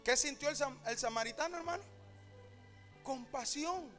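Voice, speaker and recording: A male pastor preaching a sermon in a church, telling a story and rising to shouts and half-sung lines. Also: extremely high pitch, moderate pace, faint music behind. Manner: shouting and half-singing at climaxes, retelling a story with quoted voices.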